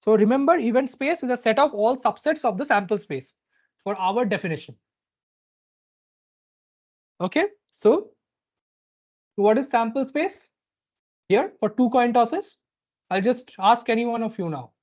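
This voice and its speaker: A woman's voice: on the high side, expressive, unhurried, long pauses, darkish tone. Woman teacher on glitchy, cutting-out call audio. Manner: explains step by step, quizzes students. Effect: glitchy audio cutting out over an online call. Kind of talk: online class lecture. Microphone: video call. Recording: dull lo-fi video call audio.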